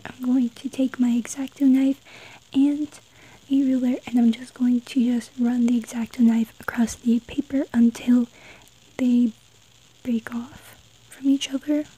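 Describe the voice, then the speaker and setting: A woman hosts a craft tutorial in a breathy, whispered voice. Her pitch is high and her tone is very soft and dark, with no brightness to it. She explains gently, one step at a time. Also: level tone, a little slow, low-quality recording. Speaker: host of an art tutorial.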